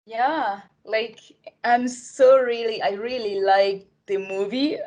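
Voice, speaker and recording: A woman with an African accent giving a spontaneous, earnest spoken reflection in halting phrases, often repeating words. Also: fairly high pitch, steady tone, darkish tone. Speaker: participant in an online arts event discussion.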